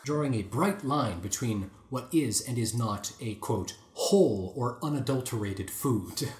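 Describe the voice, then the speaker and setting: A man hosting a podcast, reading an article aloud in a casual chat with lively asides. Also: mid-range voice, measured pace. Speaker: podcast host. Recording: roomy echoey room.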